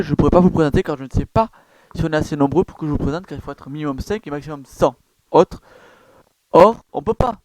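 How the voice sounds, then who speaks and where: A gaming YouTuber with a slightly mellow voice on the high side casually guides viewers around a gaming site. The screen-recorded walkthrough, captured with no echo, is full of rambling, fillers, and self-corrections.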